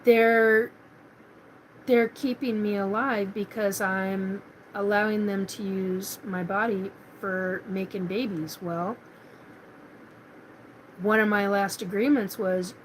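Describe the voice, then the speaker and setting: A woman's voice: mid-range voice, slight background noise, low-quality recording. A middle-aged woman from Washington State hosting a live paranormal chat, rambling casually with many fillers and restarts. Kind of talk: casual live-stream monologue.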